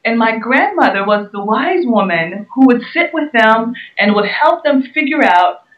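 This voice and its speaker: A woman from the Bahamas speaks earnestly, stressing and repeating her key words. Her voice sits a little high and comes from away from the mic. The room is echoey and the sound is dull. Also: expressive, moderate pace, a bit bright. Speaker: guest speaker and entrepreneur. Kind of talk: interview answers. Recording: roomy, distant, dull sound.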